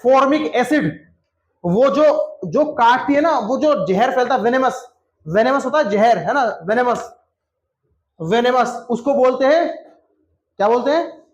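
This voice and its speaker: A man's voice: very high voice, lively intonation, a little slow, long pauses, dull audio. A man teaching a classroom lesson, repeating answers over and over and quizzing students by name. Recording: echoey classroom.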